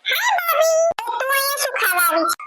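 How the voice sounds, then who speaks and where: Brief: woman as a cheeky cartoon sister-in-law, loud and giggly, super high pitch, noisy track. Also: big pitch swings, a little fast. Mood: teasing. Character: teasing young sister-in-law, cheeky and playful. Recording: loud noise behind the voice.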